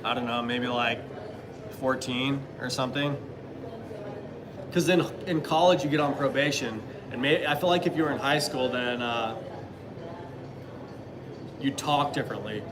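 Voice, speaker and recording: A man's voice: medium pitch, measured pace, pauses often, crowd noise, poor audio. A man in his thirties chatting casually on a live stream, answering viewers with rambling, hesitant talk full of fillers and restarts. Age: 30s.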